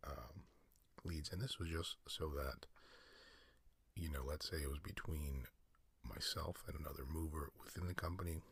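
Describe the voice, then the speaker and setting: A man mumbling a rambling personal story in ASMR style, in a breathy, husky whisper with gravelly fry. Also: rumbling low, fairly even intonation, normal speed, long pauses, a bit bright, no room sound. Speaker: storyteller recounting personal experience.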